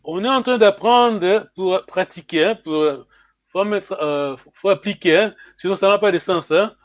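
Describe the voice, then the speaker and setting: This is a man running a language lesson on a video call. His voice sits high and he takes his time, repeating each word patiently. The call audio is slightly dull and lo-fi. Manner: repeats words slowly, frequent "hein" checks; switches between French and Portuguese. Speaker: language teacher. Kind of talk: online class teaching.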